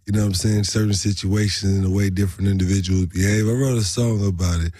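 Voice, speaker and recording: A man's voice: low-pitched, fairly even intonation, quick pace, dark tone, dry recording. A man hosting a casual studio interview, repeating himself and punctuating his talk with slangy check-in phrases. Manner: repetitive, punctuated with "you know what I'm saying". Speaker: interview host. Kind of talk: casual radio interview chat.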